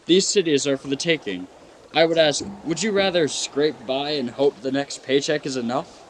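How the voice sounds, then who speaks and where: A man's voice: fairly high pitch, moderate pace, a little hiss or hum, lightly acted, poor audio. A man playing a proud, ambitious young businessman and suitor in a radio play, formal and self-assured. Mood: defensive, proud. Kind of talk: live-audience radio play acting.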